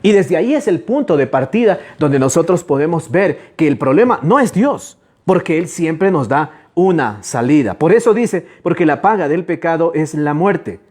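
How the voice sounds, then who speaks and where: A man preaching a sermon, his voice sitting a bit high and swinging widely up and down. He presses his listeners with rhetorical questions and calls to turn around. He drags out key words slowly, then hurries through side remarks. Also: expressive, darkish tone. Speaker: pastor.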